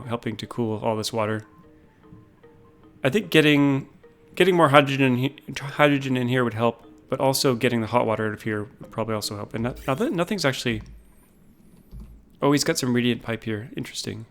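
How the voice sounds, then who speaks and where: A man casually talking through a game base, thinking aloud with frequent pauses. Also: mid-range voice. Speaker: gaming YouTuber. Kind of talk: casual gameplay commentary.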